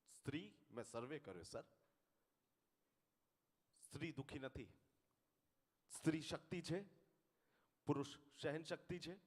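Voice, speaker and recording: Gujarati stand-up man with a high voice, speaks straight to the crowd, ringing hall reverb. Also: a little slow, pauses often. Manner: animated, puts on voices of the people in his jokes, talks straight to the audience. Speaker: stand-up comedian. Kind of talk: Gujarati stand-up comedy on stage. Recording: live hall with long reverb.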